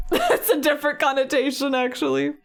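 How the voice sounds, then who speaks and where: A young woman streaming a video game, reacting excitably, laughing often and swearing playfully. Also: high voice, normal speed, gravelly. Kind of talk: casual game-stream commentary.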